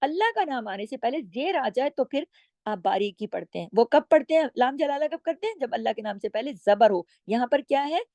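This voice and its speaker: A woman teaching Quran recitation rules. She explains patiently, stretches each example word out slowly, and often checks in with her listeners. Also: sits high, expressive, dark tone, no echo. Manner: draws out words slowly when demonstrating. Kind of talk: recitation lesson with slow demonstrations.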